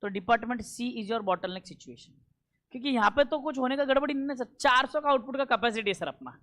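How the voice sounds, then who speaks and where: A man teaching a classroom lecture, emphatic and repetitive, often checking that students follow and slowing down for key English terms. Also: extremely high pitch, bright, forceful tone. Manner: emphatic, repeats points and keeps checking understanding.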